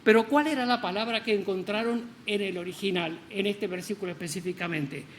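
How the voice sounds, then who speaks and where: A man's voice: sits high, a little fast, a little hiss or hum. Man preaching a sermon with rhetorical questions. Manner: explanatory, stresses words with rhetorical questions. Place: church.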